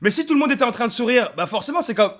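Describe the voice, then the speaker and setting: A young man from France telling casual vlog stories in a hotel room, animated and swearing freely as he acts out the people he quotes. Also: very high-pitched, rapid-fire. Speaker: gaming vlogger.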